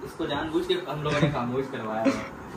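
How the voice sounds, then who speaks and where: A young man vlogging at home during a family celebration, teasing and exclaiming loudly. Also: medium pitch, fairly quick, noisy background. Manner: excited, teasing, loud exclamations. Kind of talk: casual chat.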